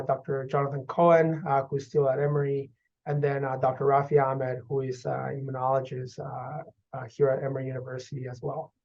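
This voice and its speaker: A man in his thirties from Guatemala, a physician researcher answering interview questions in measured explanations with many fillers. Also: medium pitch, darkish tone. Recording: dull lo-fi audio.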